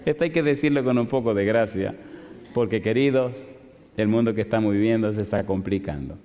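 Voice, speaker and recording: A male pastor preaching a sermon, telling a story with animated delivery and rhetorical questions to the congregation. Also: lowish voice, a little fast. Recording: long reverb of a large hall.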